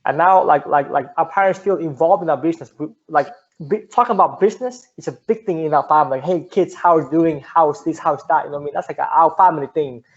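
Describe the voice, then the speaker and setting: A young Finnish man, a native speaker of Finnish, is a guest entrepreneur in a casual interview. He talks earnestly and fast in a fairly high voice, often repeating words and restarting, and the audio has its highs cut off.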